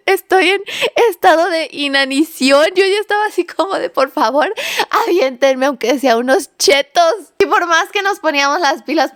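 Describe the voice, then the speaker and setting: A young woman telling a childhood story in an animated way, acting out voices and laughing often. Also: high-pitched, smooth. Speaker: vlogger. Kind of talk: personal storytelling.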